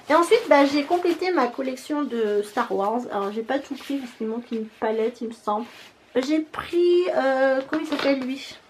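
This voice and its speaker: A high-voiced woman from France chats through a beauty haul vlog, rambling loosely and filling pauses with hesitations. She laughs at herself now and then. A faint hiss sits under the recording. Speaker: beauty vlogger.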